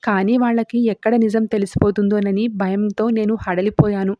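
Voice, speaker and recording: A woman's voice: mid-range voice, level tone, moderate pace, no echo, lightly acted. A woman voicing an anxious young mother who hides a secret son, read plainly in a serial recap. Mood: distraught. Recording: dull dry lo-fi recording.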